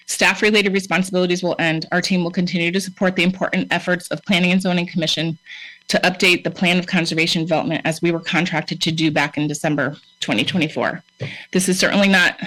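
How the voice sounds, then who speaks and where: A town board official reading a formal letter aloud at a town meeting in a steady, formal way, with a few small stumbles. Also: medium pitch, low-quality recording. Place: town hall meeting room.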